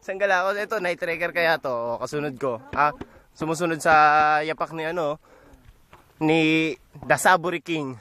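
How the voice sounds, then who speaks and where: A man's voice: on the high side, brisk, sharp tone. A man casually teasing his friends and joking as he films an outdoor trip. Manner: joking, laughing often, playful chanting. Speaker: person filming an outing. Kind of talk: casual teasing commentary while filming. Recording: outdoor wind and ambient noise.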